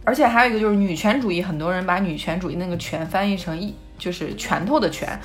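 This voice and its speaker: Young female podcast co-host, fast-talking, emphatic storyteller. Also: on the low side, soft background music. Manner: animated storytelling, quick and emphatic. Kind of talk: casual podcast chat.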